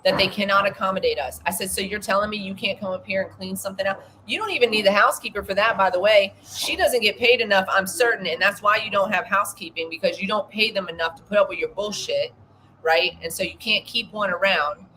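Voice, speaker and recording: A woman's voice: medium pitch, quick pace, bright, forceful tone, a little hiss or hum, rough recording. A woman, co-hosting a podcast and telling a story in an indignant, profane way. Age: 40s. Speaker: podcast co-host. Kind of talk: casual chat.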